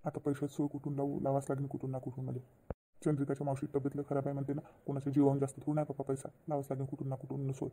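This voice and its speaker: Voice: mid-range voice, completely flat delivery, racing, mellow, slight background noise, lightly acted. [name], a voice actor doing a kind trusting husband. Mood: reassuring. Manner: soothing, reassuring. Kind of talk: cartoon voice acting.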